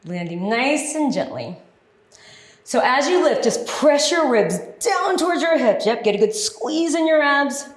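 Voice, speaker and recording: A woman's voice: high voice, big pitch swings, a little slow. A woman working as an aerobics instructor, leading a workout with short, encouraging, directive cues and counted-out moves. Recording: echoey, roomy sound.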